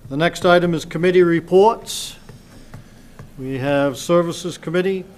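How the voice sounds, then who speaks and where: Reading the agenda at a brisk clip, the chair of a town council meeting speaks into a desk microphone in the chamber. He has a slightly high, somewhat mellow voice.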